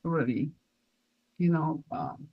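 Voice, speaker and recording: A woman's voice: deep voice, takes it slowly, lo-fi sound, crowd noise. A woman co-hosting a spiritual podcast, talking in an earnest, rambling way with many restarts. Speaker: podcast co-host.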